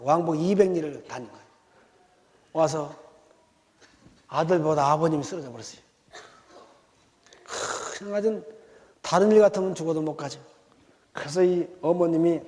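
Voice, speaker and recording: A man giving a sermon lecture, telling stories with acted quotes and swinging between soft and loud. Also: fairly high pitch, big-room sound. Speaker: preacher.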